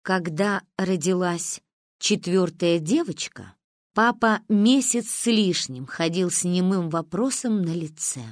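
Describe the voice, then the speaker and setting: A woman narrating a family story aloud, acting out the quoted lines of the family members with big jumps in pitch. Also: lively intonation, slow pace, no echo, studio quality. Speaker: audiobook narrator. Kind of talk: scripted narration with voiced dialogue.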